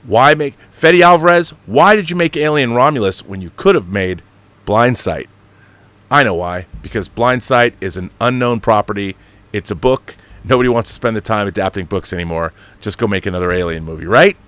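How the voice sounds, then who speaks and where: A middle-aged American man hosts a casual livestream about films and books, answering viewer questions with emphatic opinions, free swearing and frequent tangents. His voice is lowish, expressive and fairly bright, at a moderate pace, in a dry recording.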